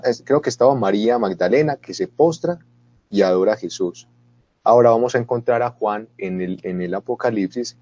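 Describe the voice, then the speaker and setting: A man's voice: medium pitch, no echo. A man giving a spoken Bible lesson, talking straight to his listeners and lifting his voice with feeling when he quotes scripture. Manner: earnest, animated when quoting scripture; talks to listeners directly with asides. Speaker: catechist. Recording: dull lo-fi recording.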